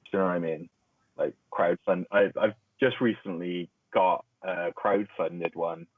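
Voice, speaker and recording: A man's voice: low voice, fairly even intonation, unhurried, breathy edge, no room sound. Sex: man. Style: rambling casual chat as a podcast co-host, laughing easily and restarting words, heard over a bad call connection. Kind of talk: casual chat among friends. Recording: tinny phone-like call audio, dry.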